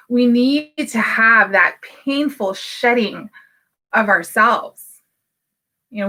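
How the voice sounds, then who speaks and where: A woman in her thirties from Hawaii, in the United States, works as a business coach and talks to the camera in a casual, motivational way. Her mid-range voice is bright and forceful. She's candid and personal, and her speech is full of fillers.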